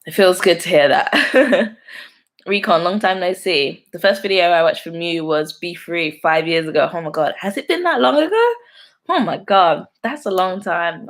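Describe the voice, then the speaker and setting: Reading out and answering viewer comments, a young YouTuber from London chats casually on her live stream in a London accent, laughing often. She speaks at a fairly low pitch with vocal fry.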